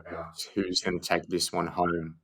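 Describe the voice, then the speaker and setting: Very deep-voiced man hosting casually. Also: monotone, moderate pace, fairly bright tone, breathy edge, rough recording. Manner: playful, rambling with many fillers. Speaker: podcast co-host. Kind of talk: casual chat, mock awards show.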